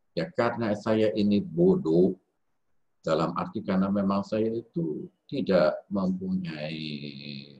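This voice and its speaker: Low-voiced priest, halting and reflective. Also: male voice, creaky, a little mellow, breathy edge, lo-fi sound. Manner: halting, with many fillers and self-corrections. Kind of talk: reflective spoken lecture. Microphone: video call.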